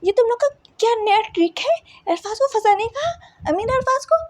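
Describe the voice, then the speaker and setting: A woman's voice: very high-pitched, animated, normal speed, pitched above the performer's own voice. A woman voicing a rude, overprotective young male friend who mocks and sneers, in a storybook reading. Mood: sneering. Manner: mocking, sneering.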